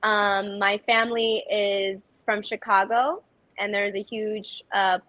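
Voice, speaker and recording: Interview guest, an actress: a woman with a middle-pitched voice, earnest and reflective, on dull, dry audio. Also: flat delivery, takes it slowly, no room sound. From United States. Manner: earnest, reflective, frequent restarts. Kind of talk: conversational interview answers.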